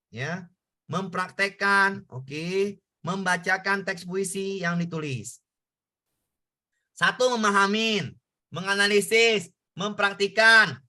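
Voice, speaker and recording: A man's voice: high voice, pushed and bright. A man tutoring students in an online exam-prep lesson, repeating points and checking whether they understand. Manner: repetitive, coaxing questions to students.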